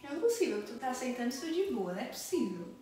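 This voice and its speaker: A woman's voice: fairly high pitch, sing-song, rapid-fire, mellow, far from the mic. A young woman pranking her boyfriend in a casual vlog, teasing him and laughing often. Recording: very echoey room with music behind.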